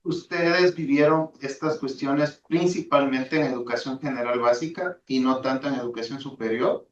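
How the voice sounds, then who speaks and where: A man moderating a focus group, asking a question in a measured, slightly hesitant way. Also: mid-range voice. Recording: distant, roomy, dull recording.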